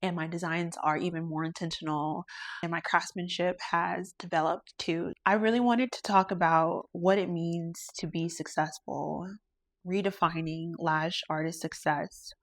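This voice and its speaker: A woman with a fairly low voice talks through her own podcast. She is earnest and introspective, and speaks about faith and her work as a lash artist in a thoughtful solo monologue. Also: steady tone, a little slow. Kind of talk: reflective solo podcast talk.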